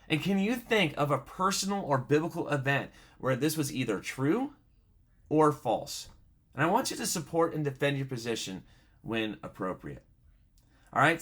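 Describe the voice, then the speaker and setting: A man's voice: mid-range voice, a bit bright. Chatty man teaching a bible lesson. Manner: conversational, many fillers, storytelling asides. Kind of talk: casual video bible lesson.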